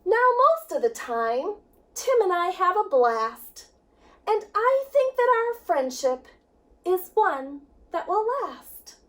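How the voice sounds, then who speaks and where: A children's director reads a picture book aloud in a high voice, lingering over each phrase. Her delivery is expressive and wide-ranging, with dramatic pauses between lines, and she sounds distant from the microphone.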